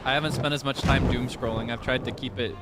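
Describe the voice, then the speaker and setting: A man's voice: mid-range voice, fairly even intonation, fast. Chatty male game streamer with music behind. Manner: chatty, playful, talking to viewers. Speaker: livestreamer, VTuber. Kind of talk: casual gaming livestream chat.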